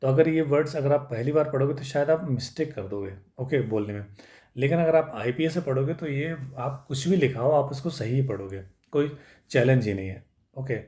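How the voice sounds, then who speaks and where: A male teacher walks learners through English pronunciation. He stretches each sound out slowly and patiently before putting the word together. He keeps checking in with his listeners as he goes, at an everyday middle pitch. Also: dark tone. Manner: patient, drawn-out syllable by syllable sounding out; frequent checking-in tags after each point. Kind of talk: spoken English lesson.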